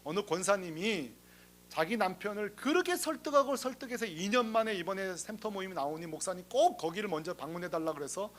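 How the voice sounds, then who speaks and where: A man who is a senior pastor, preaching a sermon with lively, humorous stories, acting out the people in them and asking the congregation questions. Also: sits high, a little fast. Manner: lively, humorous storytelling that acts out the people in the story; talks straight to the congregation with rhetorical questions.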